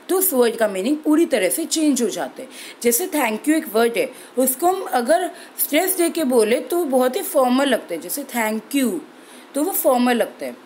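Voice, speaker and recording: A young woman teacher explaining an exam-prep language lesson clearly and steadily, slowing down on key terms. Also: high voice, darkish tone, a little hiss or hum, low-quality recording.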